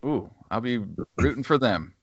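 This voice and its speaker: A man co-hosting a podcast, chatting casually and rambling with many pauses and fillers. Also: mid-range voice, lively intonation, breathy edge, no echo, muffled recording. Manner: rambling, hesitant, lots of fillers. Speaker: podcast co-host. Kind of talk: casual chat.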